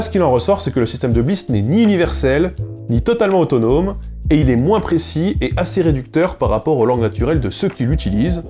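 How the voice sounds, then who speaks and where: A man hosting an educational channel, delivering scripted narration in a brisk way with wry, ironic asides. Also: medium pitch, dark tone. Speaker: YouTube linguistics host.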